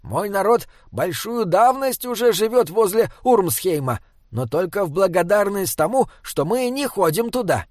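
A man's voice: high voice, normal speed, dry recording, clean studio sound, pitched above the performer's own voice. A man voicing an eager little male troll who speaks in clumsy, oddly phrased sentences. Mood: disgusted. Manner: excited, odd clumsy phrasing. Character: small male troll, eager, broken speech.

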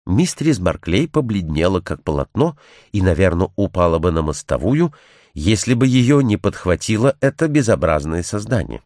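A man voicing a timid young blonde woman who earnestly tells what she witnessed, in a measured storytelling manner. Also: low-pitched, very animated, darkish tone, no echo, studio quality.

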